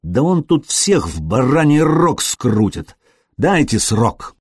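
A male audiobook narrator with a husky, slightly breathy voice and a pitch that rises and falls a lot. He reads in an expressive, storytelling style, recorded close up in a dry room. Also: takes it slowly, no room sound. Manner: expressive reading that briefly acts out the characters.

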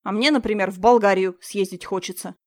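A woman's voice: mid-range voice, steady tone, fairly quick, natural voice. A woman reading an audiobook, voicing a cocky schoolboy ringleader who mocks his classmates bluntly. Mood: mocking. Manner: mocking, blunt.

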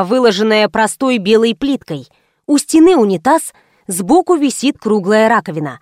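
A woman narrating a first-person audiobook in a wry, lively storytelling manner. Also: on the high side, no echo, studio quality.

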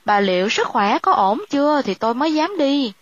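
A woman's voice: sits high, sing-song, normal speed, no room sound, dull audio. Grumbly worried middle-aged husband, voiced by a woman, dry close sound. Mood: grumbling.

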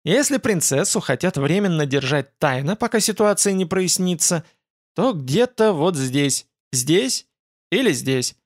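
A man's voice: on the high side, sing-song, a little slow, no room sound, studio quality, pitched above the performer's own voice. A male audiobook narrator voicing a brash, boastful young companion in a fantasy story. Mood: cocky, boastful.

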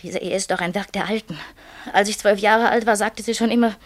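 A woman playing a restless young wife who feels trapped, speaking in hushed, urgent whispers in a radio drama. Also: mid-range voice, steady tone, brisk, close to an everyday voice. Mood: bitter. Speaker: lead actress in a radio play. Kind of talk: German radio drama acting.

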